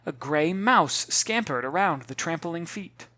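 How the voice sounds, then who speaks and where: In a dry recording, an author gives a theatrical, expressive narration of a children's novel, speaking straight to listeners in a mid-range voice at a slightly slow pace.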